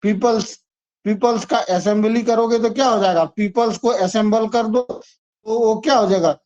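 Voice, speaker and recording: Speaking at a moderate pace in a high, slightly mellow voice, a man gives an exam-prep lesson. He talks a lot and repeats himself, guiding students through memory tricks, and the recording is dull and lo-fi.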